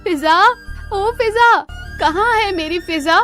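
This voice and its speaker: A woman's voice: sits high, lively intonation, unhurried, faint music behind. A woman voicing a stubborn, loving old grandmother, scolding and grieving in a cartoon story. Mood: worried. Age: over 60.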